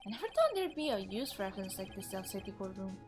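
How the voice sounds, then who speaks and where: A woman streamer reading game text aloud in a measured, quiet narration. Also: medium pitch, very animated, music in the background.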